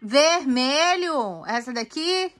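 A woman's voice: sits high, animated, takes it slowly, fairly bright tone, faint music behind. A woman with a Brazilian accent hosting a casual home vlog from a toy corner indoors, playfully coaxing a toddler and talking to her viewers. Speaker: family vlogger host.

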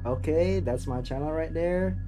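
A young man, an online video prankster, talks casually and laid-back on a video chat, often repeating himself and saying "you know what I'm saying." His voice is a little high, at a moderate pace, heard over loud music.

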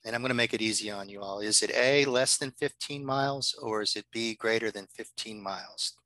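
Male librarian, lecture over a video call, bright tone, dry close sound. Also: lowish voice, fairly quick, no room sound, poor audio. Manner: friendly, chatty, many ums and uhs. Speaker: librarian presenting a workshop. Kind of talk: online workshop presentation. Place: home office.

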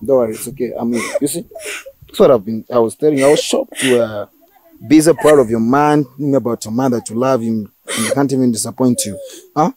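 A woman's voice: extremely low pitch, a little fast, darkish tone, no room sound. A woman acting in an amateur film as a friend who soothes and lectures a crying young woman, repeating herself over and over. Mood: soothing. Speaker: friend comforting a heartbroken woman.

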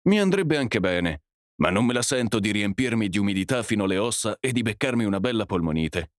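A man's voice: lowish voice, expressive, a little fast, dry recording, studio quality, lightly acted. A man voicing a bold, self-assured young man who laughs easily, in an audiobook reading. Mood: cocky. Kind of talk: audiobook character voice.

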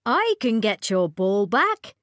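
A woman voicing a small talking frog from a storybook, calm and persistent, in a slow, lively read in a dry room. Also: a little high, dry recording, exaggerated voice. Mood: polite. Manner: calm, reasonable, insistent.

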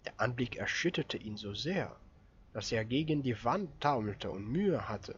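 Man reading an audiobook, measured. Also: mid-range voice, expressive, muffled recording, slight background noise. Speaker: audiobook reader. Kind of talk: audiobook narration.

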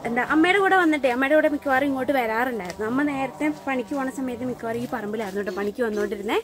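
High-voiced mother vlogging outdoors. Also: rapid-fire. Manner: coaxing baby talk mixed with chatty narration. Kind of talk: casual vlog narration. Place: outdoors in a cardamom plantation. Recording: noisy outdoor ambience.

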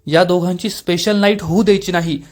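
A man with a notably high-pitched voice tells the story of a TV episode in scripted narration. He keeps a steady storytelling pace and reads the characters' lines without changing his voice. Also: fairly quick. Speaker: serial review narrator.

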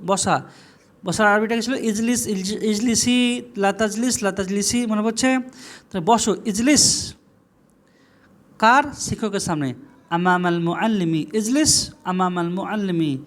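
A man teaching an Arabic lesson, saying phrases slowly and repeating them before explaining each one in everyday speech. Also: sits high. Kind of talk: classroom lesson.

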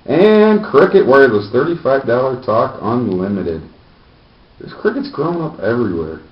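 Wisecracking man with lively pitch, echoey room. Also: normal speed. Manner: wisecracking, sardonic. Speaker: host of a homemade comedic news show. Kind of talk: casual comic commentary while reading a newspaper. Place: small plain room indoors. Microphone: distant camera microphone. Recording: echoey, muffled, distant camera microphone.

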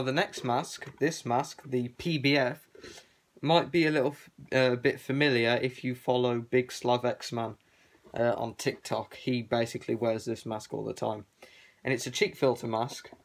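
A man's voice: medium pitch, vocal fry. A young man talking through a balaclava, casually rambling with lots of hesitation as he shows off his collection. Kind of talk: casual show-and-tell vlog.

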